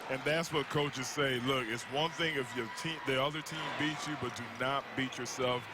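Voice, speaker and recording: A man's voice: medium pitch, steady tone, moderate pace. A man giving live football analysis as a color commentator, conversational and emphatic. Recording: very noisy stadium commentary.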